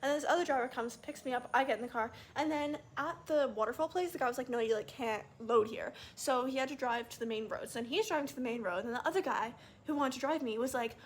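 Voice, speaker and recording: Young woman, quick chatty storytime vlog, lots of filler words, rapid delivery. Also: high voice, slightly rough. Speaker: vlogger.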